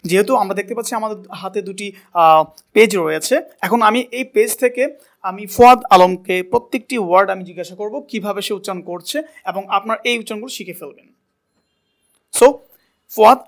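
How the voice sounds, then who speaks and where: A man teaching a spoken English class, asking a student to repeat words and correcting how they are said. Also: high-pitched. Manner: coaching pronunciation, asks and repeats words.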